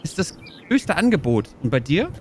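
A woman streaming a simulator game, chatting excitedly and joking with her viewers. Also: deep voice, moderate pace, slight background noise. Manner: excitable, jokey, talks to viewers. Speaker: gaming streamer. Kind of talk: casual gameplay commentary.

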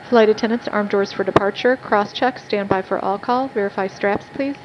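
A woman's voice: mid-range voice, normal speed. Woman on a plane cabin PA. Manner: scripted, courteous announcing. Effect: over the cabin loudspeaker. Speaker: flight purser. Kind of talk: cabin PA announcement. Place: airliner cabin. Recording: muffled PA with cabin hum.

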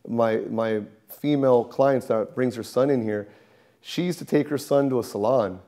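A man's voice: mid-range voice, moderate pace. A man in his thirties, a barber, telling stories in a documentary interview inside a barbershop. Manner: animated storytelling, gesturing.

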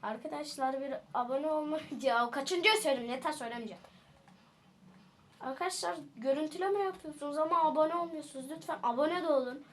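A woman giving casual gameplay commentary as a streamer, jokey and excitable, teasing the enemies with sudden shouts. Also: high voice, a little fast, slight background noise. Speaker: gaming streamer.

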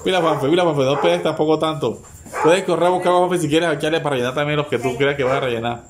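A man runs party games at home, his slightly raised voice pressing players on with fast, repeated cheers and bursts of laughter. Steady background noise hangs under the home recording. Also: fairly high pitch. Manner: urgent cheering, rapid repeated urging, laughing. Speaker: host running family party games. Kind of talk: excited play-by-play commentary.

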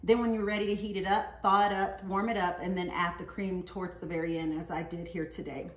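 A woman's voice: lowish voice, fairly even intonation, a little fast. A woman hosting a cooking show in her kitchen, talking through each step in an easygoing, chatty way with frequent fillers. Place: home kitchen. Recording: roomy echo, voice from a distance.

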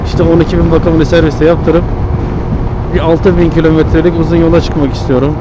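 A man's voice: on the high side, level tone, brisk. A man chatting casually as a motovlogger from inside a motorcycle helmet while riding. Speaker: motovlogger, channel host. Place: outdoors on a motorcycle at night. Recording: muffled lo-fi, loud engine and road noise.

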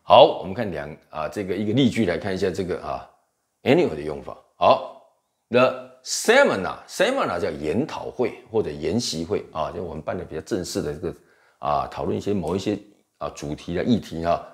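Low-voiced man teaching English vocabulary. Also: sing-song. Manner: explains in Mandarin, reads English slowly and spells words out. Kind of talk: vocabulary lesson.

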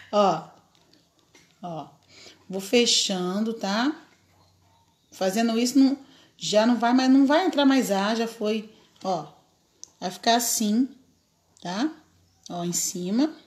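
A woman's voice: a little high, slow pace, long pauses, darkish tone. A Brazilian woman hosting a casual live craft tutorial from home, chatty, laughing often and greeting viewers by name. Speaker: craft live-stream host.

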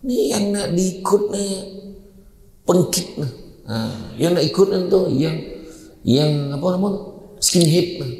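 A male preacher with a Malaysian Malay accent giving a humorous religious lecture, lively and joking and talking straight to the crowd. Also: high voice, unhurried, pauses often. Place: large mosque hall. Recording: echoey mosque hall.

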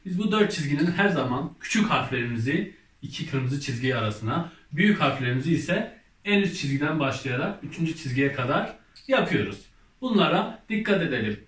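A man teaching a remote first-grade reading lesson, sounding out letters and syllables slowly and repeating them. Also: fairly high pitch, fairly bright tone, reverberant, distant mic. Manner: slow, drawn-out syllables, repeating each sound aloud.

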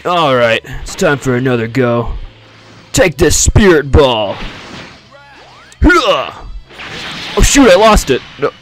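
A man's voice: mid-range voice, big pitch swings, slow, pauses often, fairly bright tone. A man doing a cartoon impression voice of a cocky, goofy, easily flustered young martial-arts fighter, boastful and casual. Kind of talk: cartoon character impression over fighting game. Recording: game music and blasts behind.

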